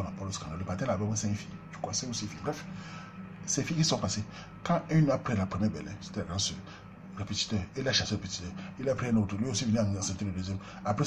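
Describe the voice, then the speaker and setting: A man with a Cameroonian French accent telling a comic story, swinging between loud outbursts and low asides. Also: background noise. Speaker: comedian.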